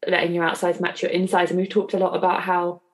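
A woman co-hosting a podcast, talking in a reflective, casual way with frequent pauses and fillers. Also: lowish voice, completely flat delivery. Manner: thoughtful, hesitant, many fillers. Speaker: podcast co-host.

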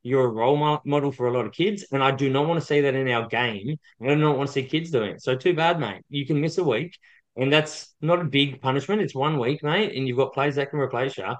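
Through slightly dull, lo-fi audio, a man with a mid-pitched voice argues about sport. He is blunt and emphatic, pressing his opinions with some heat as a podcast co-host. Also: fairly quick.

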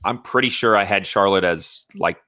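A young man from Indiana co-hosts a sports podcast, talking loosely with plenty of fillers and restarts. His low voice is bright and forceful, moves at a normal speed, and is captured in a dry recording.

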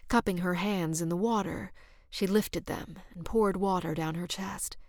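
A woman narrating an audiobook in a soft, intimate manner, often sinking into a hushed whisper. Her voice sits a little low. The recording is dry and close. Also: fairly even intonation, measured pace, dry recording. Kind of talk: scripted narration.

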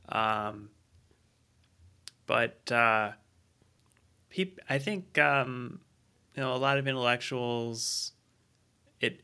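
Podcast guest, male researcher, low pitch, clear resonant tone, hesitant casual delivery. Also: bright, forceful tone. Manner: hesitant, stammering starts. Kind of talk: casual conversation.

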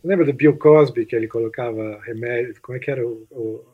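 A man's voice: medium pitch, a little fast, phone-quality sound. A man co-hosting a podcast, dropping in short joking remarks in casual chat. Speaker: podcast co-host.

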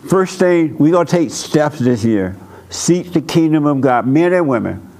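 A man hosts a church counseling session, speaking to the congregation bluntly and preachily in a dialect and often laughing at his own points. His voice sits on the high side with a darkish tone, animated yet unhurried.

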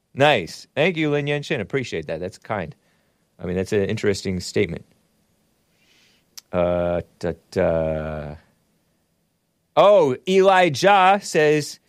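A man's voice: medium pitch, no echo. Casual male live streamer, dry close sound. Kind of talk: casual live stream monologue, reading and answering viewer messages.

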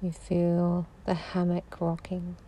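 A woman guiding a sleep meditation in a slow, soothing voice that drifts into whispers. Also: fairly low pitch, monotone, dark tone, low-quality recording. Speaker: sleep hypnosis guide.

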